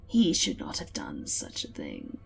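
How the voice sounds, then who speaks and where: A woman acts out an ancient amphibian mage-priest of epic fantasy, deep and dark-voiced. He speaks in a slow, breathy half-whisper, grave and commanding, with weighty pauses. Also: huge pitch swings, soft background music, heavily acted. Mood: grave, ominous.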